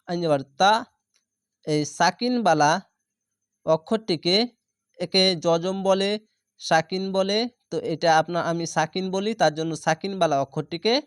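A man's voice: a little high, dry recording, clean studio sound. A man teaching Quran reading, spelling out each syllable patiently and repeating words for drilling. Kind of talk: slow spelling-out recitation lesson.

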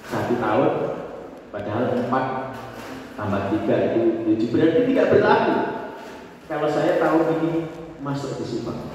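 A man's voice: medium pitch, a little mellow, slight background noise. A priest in his forties giving an informal, reflective birthday speech into a handheld mic, telling a story and working through numbers aloud. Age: 40s. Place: large church hall with tiled floor. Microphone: handheld microphone, filmed from far. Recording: echoey hall from far off.

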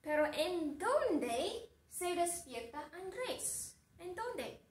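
Lady teacher asking the class the same questions over and over, super slow, roomy echo. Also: very high voice, sing-song, far from the mic. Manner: slow, deliberate questioning with lots of repetition. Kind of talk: story-based language lesson.

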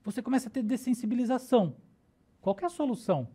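Brazilian woman, neuroscientist guest, mellow tone, casual explainer who keeps checking in with the listener. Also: a little high, expressive, fast, husky. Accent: Brazilian Portuguese.

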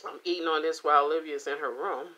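A middle-aged woman chatting casually to the camera as she reviews food at home, with an unhurried manner. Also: sits low, fairly even intonation, bright, forceful tone, highs cut off, a little hiss or hum. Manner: unhurried, talking between bites with pauses and mm sounds. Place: indoors, small home room. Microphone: camera or phone at about arm's length.

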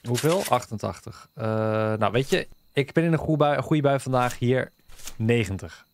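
A man's voice: mid-range voice, lively intonation, moderate pace. A man gives a casual running commentary over a game he is playing. His voice swings widely up and down as he jokes and teases the characters on screen. There is a faint hiss behind him. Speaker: gaming video host. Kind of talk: casual let's-play commentary.

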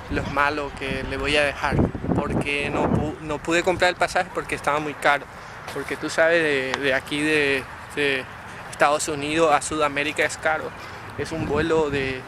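A man from Paraguay talking casually to the camera in a halting way, often repeating words. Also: a little high, background noise.

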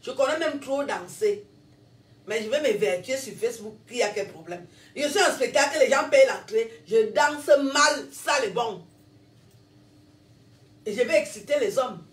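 A woman's voice: on the high side, expressive, normal speed, long pauses, roomy sound, distant mic. A woman with a Cameroonian French accent, ranting to her followers, scolding and repeating herself, laughing between lines. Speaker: social media personality. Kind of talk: self-filmed rant to followers.

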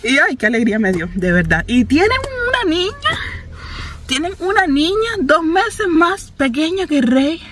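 A high-pitched Cuban vlogger in her thirties talks at a normal pace into her phone camera, held at arm's length from the back seat of a car. She spins a story in animated, chatty Cuban Spanish, laughing a lot, with slight hiss or hum in the audio.

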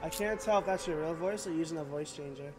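A man's voice: fairly high pitch, fast, noisy background. An American man from Massachusetts chatting casually as he streams gameplay. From Massachusetts, USA. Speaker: game streamer. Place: small indoor room.

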